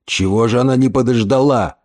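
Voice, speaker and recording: A man voicing a big, loud, desperate older man who speaks hoarsely, half sobbing. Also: mid-range voice, fairly quick, lightly acted.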